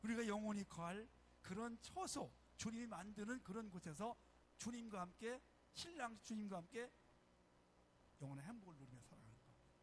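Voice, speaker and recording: A man's voice: sits high, animated, fairly quick, a little hiss or hum. A man preaching a sermon as pastor of a church, emphatic and often calling out to his congregation. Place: church sanctuary.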